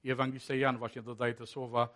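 A man preaching a sermon in a chapel, moving between hushed and loud passages and asking many rhetorical questions. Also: mid-range voice, level tone, quick pace.

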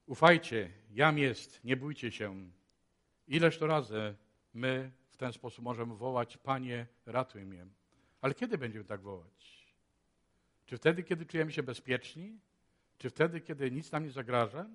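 A man preaching a sermon in a chapel, moving between hushed and loud passages and asking many rhetorical questions. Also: mid-range voice, normal speed.

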